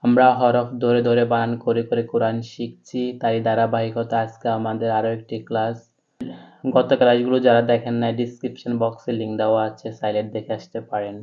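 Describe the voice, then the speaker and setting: A man teaching Quran reading, spelling out letters and vowel marks one by one in a slow step-by-step lesson. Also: medium pitch, completely flat delivery. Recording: tinny, phone-like sound.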